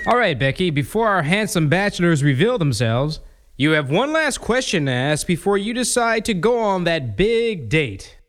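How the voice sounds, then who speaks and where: A man's voice: sits high, sing-song, normal speed. A man hosting a game show, presenting to the contestant and announcing the breaks. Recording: loud music over the voice. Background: loud music.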